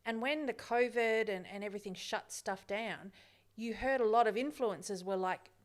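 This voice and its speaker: Female podcast guest, mid-pitched, curious and questioning, conversational. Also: normal speed. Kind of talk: casual podcast chat.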